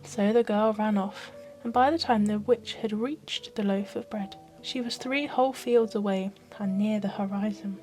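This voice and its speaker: Soft asmr lady telling a bedtime fairy tale, expressive, quiet music behind her. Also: medium pitch, moderate pace. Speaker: storyteller.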